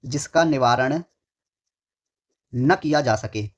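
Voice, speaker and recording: A male tutor teaches an exam-prep class at a middle pitch. He poses each question, pauses, and answers it himself, repeating key phrases over and over. The recording sounds muffled and lo-fi. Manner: repeats phrases several times; keeps addressing the students affectionately. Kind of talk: online exam-prep lesson. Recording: dull lo-fi recording.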